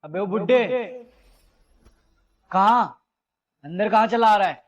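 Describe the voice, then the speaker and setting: A man's voice: high-pitched, slow pace, lo-fi sound. An actor playing a domineering young husband who talks harshly and hurls insults at his wife and her father. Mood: angry.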